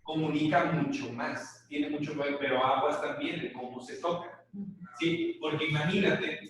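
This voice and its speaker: High-voiced Mexican man lecturing in an echoey hall. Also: moderate pace, a bit bright, far from the mic. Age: middle-aged. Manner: joking storyteller who checks in with the audience. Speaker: lecturer on body language. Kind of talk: live conference talk.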